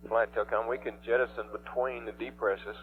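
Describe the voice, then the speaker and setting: A man's voice: medium pitch, level tone, moderate pace. A man speaking as a flight controller in terse technical phrases over a radio loop. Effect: mission control radio loop. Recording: phone-like radio loop with hum.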